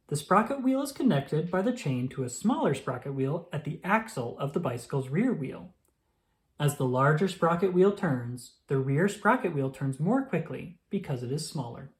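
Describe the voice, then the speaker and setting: A narrator reads a children's picture book aloud in a medium-pitched voice, using a clearly enunciated, instructional storytelling style.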